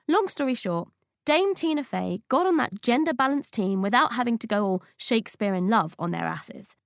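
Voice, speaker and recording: A woman reads a personal essay in a playful, witty way, dropping slang with comic timing. Her voice sits a little high and carries a gravelly fry. The recording is close and dry. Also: lively intonation, moderate pace, dry recording. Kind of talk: scripted audiobook essay reading.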